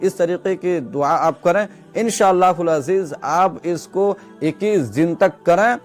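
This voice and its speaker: A man's voice: high voice, a little slow. A man with a way of speaking, earnestly explaining a devotional practice to his viewers step by step and repeating himself. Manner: earnest, repetitive, addresses viewers as friends. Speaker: religious instructor. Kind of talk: devotional instruction to camera. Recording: soft music behind.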